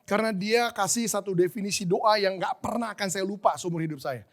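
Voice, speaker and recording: A man's voice: sits high, brisk. A man, preaching a sermon with emphatic rhetorical questions and bits of English. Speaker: guest preacher.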